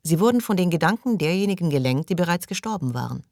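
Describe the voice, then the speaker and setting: A man's voice: high-pitched, expressive, fast talker, dry recording, clean studio sound, pitched above the performer's own voice. A man voicing a knowing male police officer aboard a spaceship, with an assured, explaining manner.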